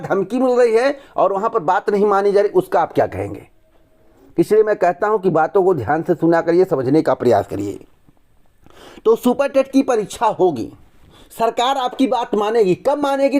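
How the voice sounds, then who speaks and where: A man with a noticeably high voice hosts an exam news channel and talks straight to his audience. He argues his points emphatically and keeps asking rhetorical questions. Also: darkish tone. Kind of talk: direct-to-camera news commentary.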